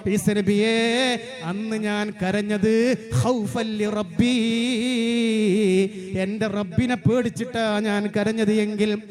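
A man voicing a pious weeping stone, very high-pitched. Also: level tone, takes it slowly, long pauses, music in the background. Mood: grateful lament.

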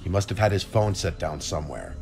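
A man reading a first-person horror story as scripted narration, in a calm, steady telling. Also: low-pitched, fairly quick, vocal fry, music in the background.

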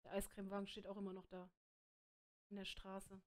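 A woman's voice: medium pitch, monotone, brisk. A woman doing playful gameplay commentary as a streamer, reacting aloud and translating dialogue, close to a desk mic. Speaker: game streamer. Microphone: desk microphone close to mouth, headset on.

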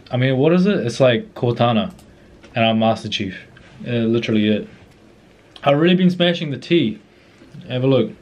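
A man's voice: medium pitch, slight background noise. A young man, talking casually and swearing loosely while filming himself cooking at a backyard grill and in a kitchen, holding the camera close. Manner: laid-back, slangy, swears casually. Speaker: cooking vlogger.

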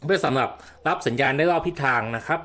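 A man's voice: a little high, fast, a bit bright. A man giving a casual hands-on product demonstration, explaining step by step and often repeating himself with polite particles. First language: Thai.

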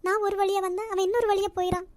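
A lovesick young cartoon woman, voiced by a woman, soft and pleading in a Nagercoil Tamil accent. Her voice is very high and the lines come quickly. The sound is dry and close. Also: little pitch movement, dry recording. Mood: worried. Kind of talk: cartoon voice acting.

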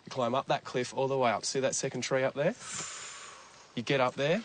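A man's voice: medium pitch, steady tone, a little fast, slight background noise. An Australian man in his thirties giving direct, instructional challenge briefings to reality-show contestants outdoors. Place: outdoors beside a bush lake.

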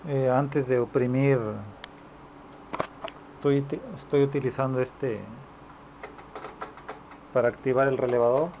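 Filmed indoors on a handheld camera with its own microphone, a man demonstrates repair work informally. He speaks at medium pitch in a level tone, at a measured pace with long pauses, over dull lo-fi sound with noticeable background noise.

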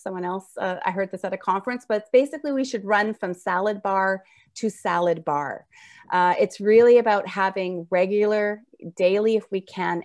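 A woman's voice: mid-range voice, darkish tone. A middle-aged woman giving an informal webinar lecture as a nurse, with slightly slurred, slushy s sounds from braces. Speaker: registered nurse presenting a health webinar. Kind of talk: informal lecture over slides. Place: indoor room, video call.

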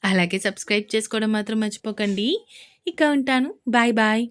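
A woman narrating a serialized romance story with an expressive, animated reading. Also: on the high side, a little fast.

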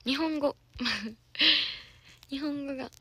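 A hoarse young woman with a Kansai accent, an idol trainee giggling and chatting casually with viewers on a livestream from a soundproof room. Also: high voice, extremely slow, pushed and bright. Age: young adult.

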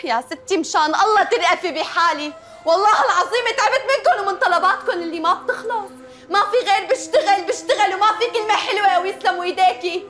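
A woman's voice: very high-pitched, fast. A woman playing a pleading young servant girl. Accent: Damascene Arabic. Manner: pleading, tearful outbursts.

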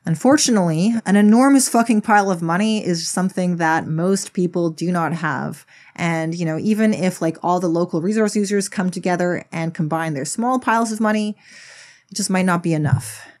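A woman talks through her video essay in a fairly low voice. She is casual and blunt, and she drops frequent swear words and sarcastic asides. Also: normal speed, a little mellow.

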